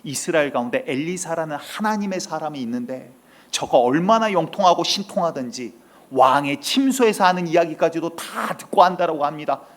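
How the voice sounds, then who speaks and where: Man voicing a male court official, earnest report, softer delivery. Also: fairly high pitch, expressive, fairly quick, lightly acted.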